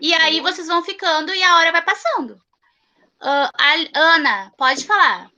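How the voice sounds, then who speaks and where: A woman with a Brazilian Portuguese accent teaching an online class to young children, patiently repeating each answer slowly and praising it, heard through a computer mic on a video call. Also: extremely high pitch, expressive, sharp tone, lo-fi sound. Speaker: primary school teacher.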